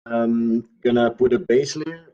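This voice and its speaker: Livestream guest, male, on a glitchy, breaking-up video call with dull audio. Halting, unhurried delivery. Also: medium pitch, steady tone, mellow. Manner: halting, with many fillers. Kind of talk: casual chat about a craft project.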